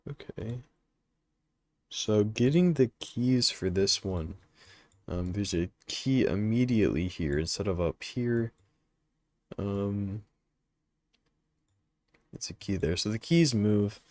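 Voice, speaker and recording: Talking slowly with long pauses in a lowish, slightly mellow voice, a young livestreamer comments casually as he plays. He's drowsy and yawns while he hesitantly works out routes aloud, filling gaps with ums and uhs and answering questions from chat.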